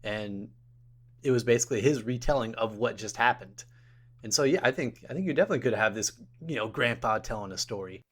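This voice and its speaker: A man's voice: medium pitch, a little fast, a bit bright, breathy edge. A man co-hosting a podcast, chatting casually and agreeably about tabletop games, thinking aloud as he goes. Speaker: podcast co-host.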